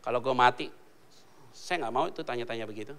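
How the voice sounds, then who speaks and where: A man preaching a casual, joking sermon as pastor, talking in slang and swinging between hushed asides and loud exclamations. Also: medium pitch, fast talker.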